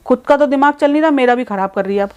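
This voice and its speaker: Woman, middle-aged, upset mother in a family vlog skit, lightly high voice. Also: racing, a little mellow, clean tone. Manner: distressed, complaining, quoting her daughter.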